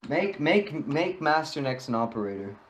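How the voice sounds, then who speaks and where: A man's voice: mid-range voice, very animated, normal speed, a little hiss or hum. A young man co-hosting a podcast in crude casual chat, swearing a lot and laughing between lines. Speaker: podcast co-host.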